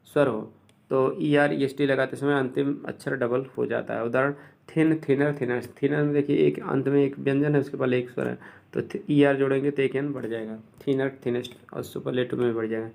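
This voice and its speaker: Gravelly man teaching grammar. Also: mid-range voice, fairly even intonation, a little mellow. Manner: methodical, repeats each example slowly. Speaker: English teacher. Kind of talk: grammar lesson explaining rules.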